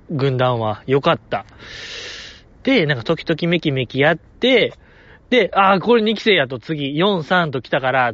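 A man with a Kansai accent talks on his own podcast in a fairly high, bouncy voice that swings all over the place. He gushes like an eager fan and slips in little chuckles. The sound is dull and lo-fi. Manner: excitable fan gushing, chuckles often. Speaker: podcast host. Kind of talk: casual solo podcast chat. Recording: dull lo-fi audio.

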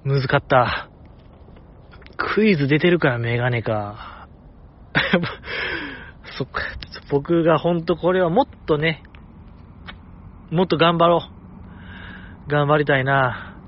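Kansai man with a slightly high voice. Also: highs cut off, a little hiss or hum. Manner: joking, self-deprecating banter with quick laughs. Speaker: podcast host. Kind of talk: casual chat, reading listener mail.

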